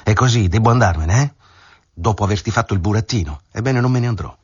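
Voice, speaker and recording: A man's voice: fairly low pitch, lively intonation, quick pace, slightly rough, voice pushed up. A man reading an audiobook, voicing an arrogant, bullying man who turns angry and vindictive when rejected. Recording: dull lo-fi dry recording.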